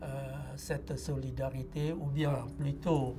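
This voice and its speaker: Slow, hesitant man. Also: mid-range voice, steady tone. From Laos. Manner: hesitant, with frequent pauses and filler sounds. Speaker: interviewee giving a personal testimony. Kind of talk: reflective testimony interview.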